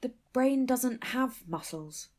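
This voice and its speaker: A young woman playing an eager trainee detective, earnest and expressive, in a comic audio drama. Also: a little high, takes it slowly. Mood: playful, stubborn. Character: eager, punning young female trainee detective, sensitive and forthright.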